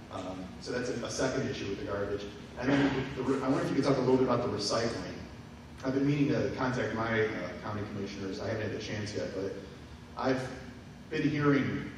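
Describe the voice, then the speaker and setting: Man, middle-aged, town hall question, rambling, earnest, echoey distant hall, noisy. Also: medium pitch. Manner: earnest, rambling, many fillers. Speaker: audience member asking a question. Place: large community hall, indoors. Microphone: standing mic, heard from far off.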